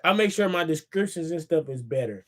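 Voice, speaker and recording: A man's voice: a little high, expressive, brisk. A tired man reading from his own book on a casual livestream, speaking loosely to his viewers, repeating words and asking them to say things back. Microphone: phone or computer mic on a livestream.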